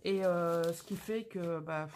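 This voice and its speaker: A woman's voice: fairly low pitch, takes it slowly, a little mellow, slight background noise. A woman hosting a craft channel, talking casually through an unboxing with gushing, exclamatory, slangy enthusiasm.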